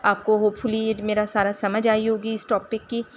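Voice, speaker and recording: A woman teaching a home-schooling phonics lesson, sounding out words slowly syllable by syllable and mixing Hindi-Urdu with English. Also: mid-range voice, completely flat delivery, a little hiss or hum.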